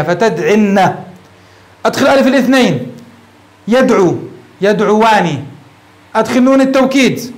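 A man's voice: very high-pitched, low-quality recording. A sheikh teaching grammar to a class, explaining step by step and putting questions to his students. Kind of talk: classroom lecture at a whiteboard.

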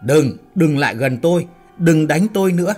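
A man's voice: medium pitch, lively intonation, a little slow, a little mellow, slightly rough, soft background music. A man voicing a frightened, confused young male worker who stammers and cries out in panic. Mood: panicked.

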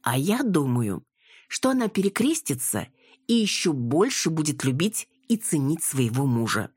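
Woman voicing nervous sharp-tongued older mother, sardonic, husky, dry sound. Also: deep voice, sing-song, normal speed, dry recording, heavily acted. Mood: tart.

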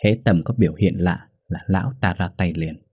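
A man narrating a dark story in a grave, measured voice. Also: low voice, breathy edge, no echo, clean studio sound.

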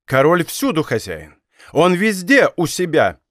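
A man reading a commanding, impatient young king in an audiobook, firing off sharp questions. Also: fairly high pitch, huge pitch swings, a little slow, no room sound, studio quality. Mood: furious. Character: angry young male king, imperious and impatient.

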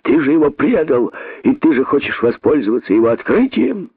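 A man's voice: medium pitch, sing-song, brisk, slightly rough, no echo, voice pushed up. An actor reading an audiobook, voicing a hateful old male boa who talks in a heavy, brooding, hissing way, on tinny phone-like audio. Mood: furious.

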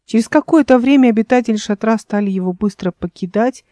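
A woman narrating her own fantasy audiobook in an even, plain reading, close to a home mic. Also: a little high, quick pace, dry recording.

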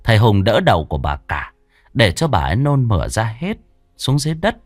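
A man's voice: lowish voice, a little fast, no echo, studio quality, soft background music. A man narrating a scripted horror story in a dramatic manner. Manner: dramatic, lively intonation.

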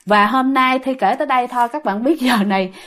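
A woman's voice: on the high side, fairly quick, fairly bright tone. A woman with a Southern Vietnamese accent telling a ghost story in a chatty way, often addressing her listeners. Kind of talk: casual storytelling.

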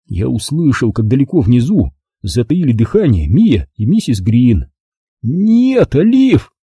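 A man reading a children's storybook aloud in the first person, expressive and lively. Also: medium pitch, normal speed, breathy edge, dry recording, clean studio sound. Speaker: audiobook reader. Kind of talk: storybook narration.

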